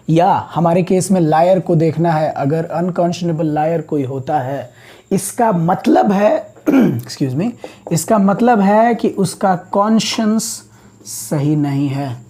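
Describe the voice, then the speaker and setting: A man's voice: high voice, warm tone, slightly rough. A man teaching English vocabulary as a classroom lecture, explaining words patiently, step by step.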